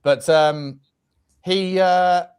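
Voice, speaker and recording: A man hosting a casual football chat over a video call, chatty and quick to laugh. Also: sits high, fairly even intonation, darkish tone, clean tone. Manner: chatty, laughs easily, lots of fillers. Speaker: podcast host.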